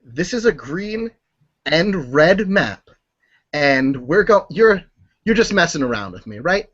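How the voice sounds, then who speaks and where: A man plays a flustered, earnest military aide in a fairly high voice. He insists haltingly, repeating himself, in an improv comedy scene with slightly muffled sound. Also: sing-song, a bit bright, exaggerated voice.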